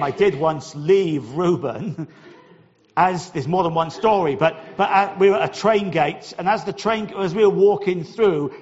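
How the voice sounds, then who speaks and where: A man's voice: high-pitched, long reverb tail, dull audio. A middle-aged Welsh man preaching a sermon, telling a personal story in a chatty way and often repeating his first words. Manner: conversational storytelling, repeats words when starting.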